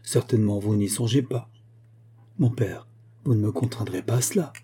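A spoiled young officer protests sulkily and with indignation, as a man reads him. The voice is very dark and a little husky. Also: fairly low pitch, normal speed. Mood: indignant. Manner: sulky, indignant.

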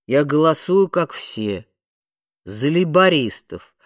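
A man voicing a slow-witted, flustered unemployed Englishman in an audiobook, stammering and hesitant. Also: on the high side, expressive, dry recording, studio quality.

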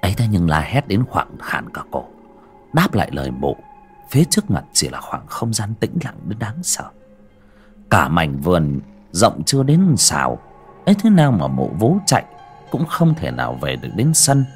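A man's voice: deep voice, huge pitch swings, normal speed, faint music behind. A man narrating a horror audiobook with dramatic storytelling.

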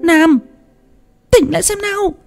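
Man doing a shrill, scolding old village woman. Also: measured pace, vocal fry, faint music behind, exaggerated voice. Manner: scolding, sharp, high-pitched.

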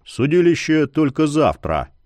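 A man's voice: on the high side, a little slow, no echo. A man voicing a terse, brooding male prisoner in an audiobook, answering curtly in few words. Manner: curt, flat, few words.

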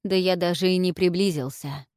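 A woman's voice: fairly low pitch, brisk, darkish tone, no room sound, studio quality, lightly acted. A woman voicing an earnest young male warrior in love, speaking plainly in a storybook reading.

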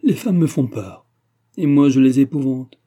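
A man reading the part of a timid, gentle brother in his fifties who frets and pleads. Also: medium pitch, lively intonation, normal speed, husky, voice pushed up. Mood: fretful. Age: 50s. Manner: fretful, pleading.

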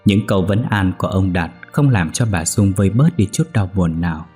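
A man narrating a ghost story in a steady, measured way. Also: low voice, husky, soft background music.

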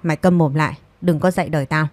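A woman voicing a shrill, abusive older mother-in-law who scolds loudly, in a storybook reading. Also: fairly even intonation, fast, no room sound, close to an everyday voice. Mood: scolding.

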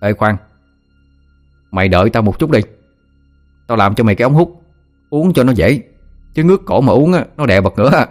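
With soft music in the background, a Southern Vietnamese-accented man plays a brash, show-off older village boy, talking fast and teasing. His animated, darkish voice is medium in pitch, pitched a bit above his own natural voice yet close to an everyday one.

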